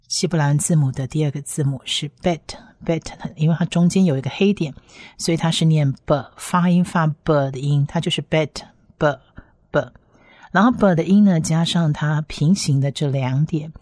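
A woman with a deep, low voice leads a pronunciation lesson, patiently repeating each sound so learners can follow. The recording is dry, with no room echo. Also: a little mellow. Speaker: Hebrew teacher.

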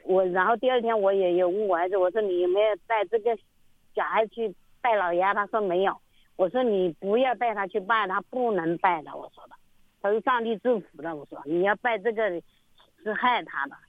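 A middle-aged woman caller on a thin, phone-like line that sounds dry and close. She rambles, circles back and repeats herself as she recounts a family matter. Her pitch sits mid-range. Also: brisk, no room sound. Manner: rambling, repetitive storytelling. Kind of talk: phone-in call.

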